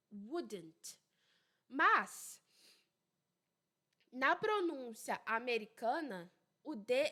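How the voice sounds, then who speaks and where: A young woman who speaks Portuguese natively, teaching an English grammar lesson in a casual, chatty way and slowly repeating the example words. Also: a little high, a bit bright.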